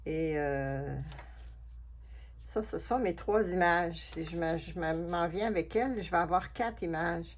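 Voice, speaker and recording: A woman with a Québécois accent and a low, deep-set voice talks through her collage work in a casual craft vlog. She muses aloud in an unhurried, chatty way, half to herself and half to her viewers. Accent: Québécois French. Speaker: collage artist. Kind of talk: casual craft vlog, talking while working.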